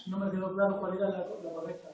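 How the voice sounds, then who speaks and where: A male student asks his tutor hesitant questions, stumbling and restarting as he goes. His voice sits very high for a man. The sound is swamped in room echo. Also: level tone, fast, a little mellow, a little hiss or hum. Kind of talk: asking questions in class. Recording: very echoey, distant room sound.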